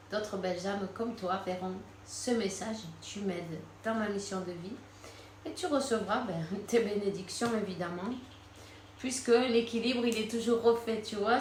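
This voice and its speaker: A woman's voice: medium pitch, a little slow, reverberant, slight background noise. A woman giving a casual spiritual card reading, chatting freely, laughing often and using many fillers. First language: Spanish. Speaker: tarot card reader.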